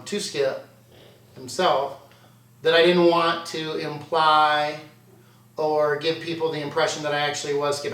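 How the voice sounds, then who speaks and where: A man working as a contest prep coach answers viewer questions in a candid, conversational way, poking fun at himself. His voice sits a little high. He talks from some distance off the mic in a roomy, echoing space. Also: a bit bright. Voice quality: candid, conversational, self-deprecating. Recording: roomy sound from away from the mic.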